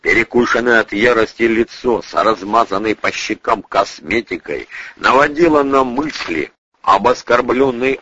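A man narrating an audiobook in an expressive, vivid storytelling manner, in a dull lo-fi recording. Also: fairly low pitch, husky, dry recording.

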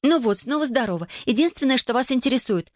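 A woman voicing a defiant teenage girl, high and whiny. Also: lively intonation, fast talker, no echo, studio quality. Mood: indignant. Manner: whiny, indignant protests.

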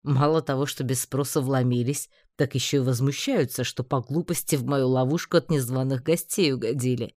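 A woman's voice: extremely low pitch, steady tone, a little fast, few pauses, darkish tone, no echo, clean studio sound. A woman voicing a composed, mocking man who is master of the house.

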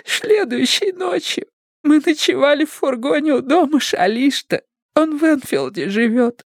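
A man voicing a tearful, frightened young woman who sobs in a high, slow, wavering voice. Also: expressive, dry recording, studio quality, heavily acted. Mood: sobbing. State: sobbing.

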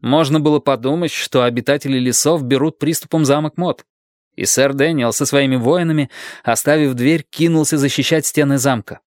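A man narrating an audiobook in a steady, even storytelling manner, close to the microphone. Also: mid-range voice, moderate pace, no room sound. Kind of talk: scripted narration.

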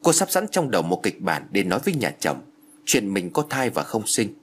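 A man telling a horror story as scripted narration, in a measured, expressive way. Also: fairly low pitch, husky.

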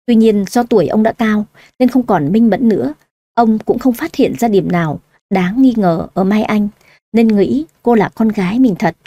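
Mellow-voiced woman narrating a story. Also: mid-range voice, no echo.

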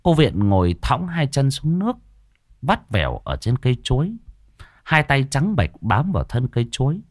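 A man's voice: lowish voice, dry recording, studio quality. A man narrating a village horror story in a dramatic, ominous way.

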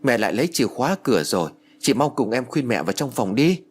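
A man's voice: medium pitch, very animated, fast talker, slightly rough. A man voicing Lan, a fretful young daughter. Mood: anxious. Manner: pleading, flustered. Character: frightened young adult daughter, anxious.

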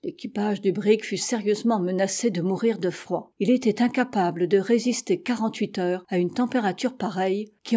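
A woman narrates a novel as an audiobook. Her voice is mellow and dark, and her reading is steady and measured. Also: mid-range voice. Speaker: audiobook reader.

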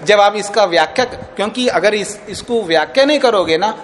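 A man's voice: sits high, animated, normal speed, slight background noise. A man with an Indian accent teaching philosophy, arguing points firmly and patiently in a classroom debate. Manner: firm, patient, repeats points.

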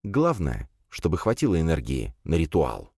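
A man narrating a fantasy audiobook with expressive storytelling. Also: very deep voice, moderate pace, creaky, no echo, studio quality.

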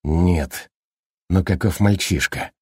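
A man voicing a tense, blunt husband in an audiobook, speaking low and muttering. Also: big pitch swings, normal speed, a little mellow, breathy edge, dry recording, clean studio sound. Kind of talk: audiobook character reading.

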